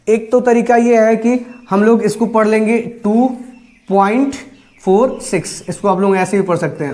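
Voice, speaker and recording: A man's voice: high voice, a little mellow. A man teaching a math lesson, asking questions and answering them himself and stressing each number, with English math terms mixed into his Hindi.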